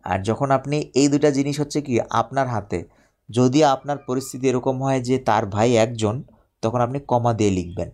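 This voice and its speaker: A man teaching English grammar in a live online lesson, explaining slowly and repeating himself while checking that viewers follow. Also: mid-range voice, darkish tone. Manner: repetitive, explains step by step, asks viewers to confirm.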